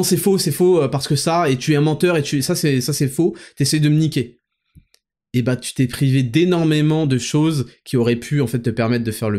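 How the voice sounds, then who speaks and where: Crude ranting young man, mellow voice. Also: mid-range voice. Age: young adult. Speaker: host. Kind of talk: casual monologue vlog.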